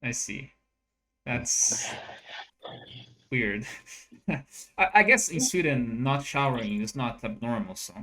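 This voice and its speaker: A man's voice: mid-range voice, animated, takes it slowly, pauses often, sharp tone, rough recording. A man in casual chat, mostly giving brief reactions and an occasional dry quip.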